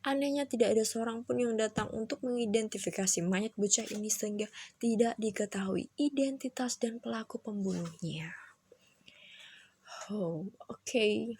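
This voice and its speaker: A woman's voice: a little high, fairly quick, warm tone, breathy edge, no room sound. A woman hosting and reading scripted narration for a mystery countdown. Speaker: host of a true-crime countdown channel.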